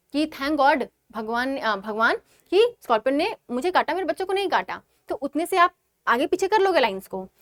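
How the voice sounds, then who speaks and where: Indian woman tutor, high voice, dry close sound, walks students through exam answers, reads quotes slowly. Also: a bit bright, dry recording. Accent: Indian English. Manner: switches between English and Hindi, reads English quotes slowly and deliberately. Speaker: exam prep teacher. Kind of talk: online exam lesson.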